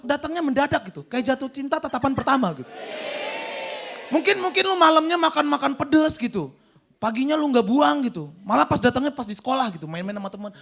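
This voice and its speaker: A young man performing a stand-up comedy set on stage, telling his story in an animated way and acting out the dialogue. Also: very high voice, gravelly. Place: comedy stage before a live audience. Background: audience laughter.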